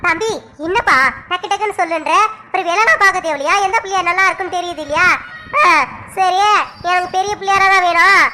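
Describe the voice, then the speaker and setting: A woman's voice: extremely high pitch, steady tone, fast talker, bright, forceful tone, a little hiss or hum. A woman voicing a stubborn, argumentative village wife in a cartoon who haggles hard over the price of an idol. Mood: haggling. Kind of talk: cartoon voice acting.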